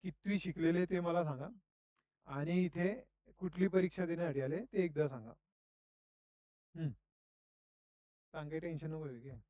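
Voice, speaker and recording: A man's voice: on the high side, moderate pace, long pauses, mellow, dry recording. Chatty male teacher quizzing a class. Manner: chatty, questioning students. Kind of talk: classroom lecture.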